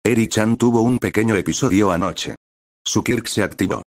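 A man voicing a kind male school principal who explains things calmly. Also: lowish voice, moderate pace, dry recording, clean studio sound, natural voice. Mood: reassuring.

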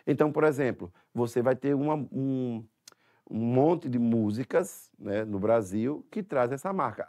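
A male teacher with a Sergipe Brazilian Portuguese accent walks students through exam-prep material. His voice has a gravelly edge and sits at an ordinary pitch. He explains step by step, dropping in frequent tag questions and pointing words as he goes. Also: darkish tone.

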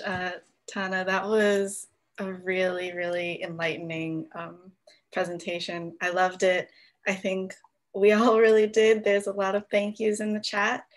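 Upbeat young woman moderating a call. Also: mid-range voice. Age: young adult. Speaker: workshop moderator. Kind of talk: casual hosting on a video call.

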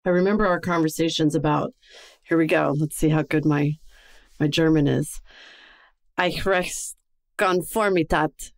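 A woman's voice: deep voice, level tone, normal speed, vocal fry, a little mellow. An American woman moderating a panel, asking questions in a friendly, conversational way.

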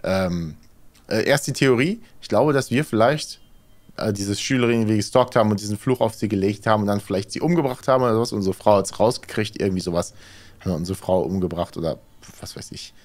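A man's voice: on the low side, fast. A man doing casual let's play commentary, thinking aloud hesitantly as he plays. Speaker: let's player, horror game streamer.

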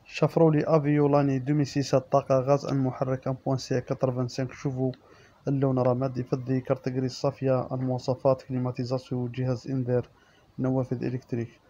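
A man with an Algerian Arabic accent reading out used-car listings and prices as the regular presenter, in a steady listing manner. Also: mid-range voice, rapid-fire, lo-fi sound. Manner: monotone listing of specs and prices.

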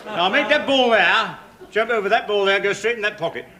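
A man's voice: high voice, animated, brisk, sharp tone. A middle-aged man playing a bumbling, self-satisfied English snooker player who rambles on in a TV comedy sketch. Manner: rambling, pleased with himself. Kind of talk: 1970s TV sketch comedy acting. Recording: noisy old studio TV recording.

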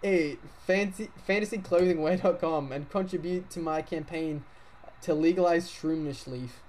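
A man voicing a laid-back, spaced-out young guy with a slow drawl. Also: fairly high pitch, darkish tone, a little hiss or hum, lightly acted. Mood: chill.

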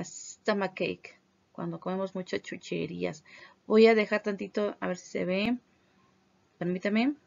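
A female teacher with a mid-range, gravelly voice speaks slowly in an online review class, pronouncing English words with care and glossing them in Spanish. She teaches primary school English, and the bilingual drill is recorded in dull lo-fi quality.

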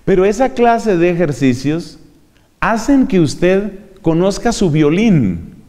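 A man teaching how to preach, in a measured lecture manner that shows off his vocal range. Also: sits high, very animated, dark tone. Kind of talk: homiletics lecture. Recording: long hall reverb.

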